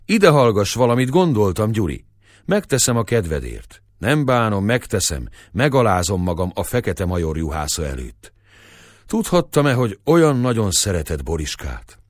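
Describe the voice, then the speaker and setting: A stubborn old village shepherd with a gruff, emphatic way of speaking, as a male storyteller puts him on. His lines come in a dry, close voice that swings widely in pitch. He is proud but soft toward his son. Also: very animated, dry recording. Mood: tender.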